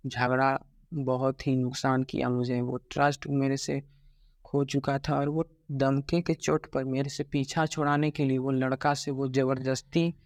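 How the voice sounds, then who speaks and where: A young man talking in a halting, regretful way about his heartbreak in a personal vlog, with many pauses and restarts. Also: mid-range voice, little pitch movement, darkish tone, dry recording. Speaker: vlogger.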